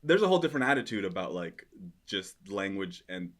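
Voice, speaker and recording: A man whose first language is Spanish, speaking as a podcast guest in an articulate, measured way without slang. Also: low-pitched, sing-song, fairly bright tone. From United States. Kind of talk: casual podcast chat.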